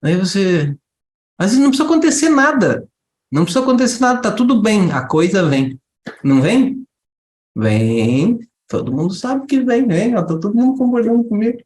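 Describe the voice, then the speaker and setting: A man giving a lively spiritual talk to a group, asking rhetorical questions and briefly acting out a child and a mother. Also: high voice, normal speed, echoey room, slight background noise. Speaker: spiritual teacher.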